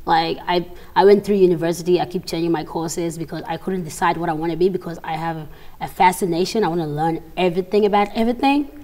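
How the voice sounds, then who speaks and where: A young actress from South Sudan, talking in a casual studio interview and telling her story with quick laughs and acted-out quotes. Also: lowish voice, mellow. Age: young adult. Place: TV studio set, seated on a sofa.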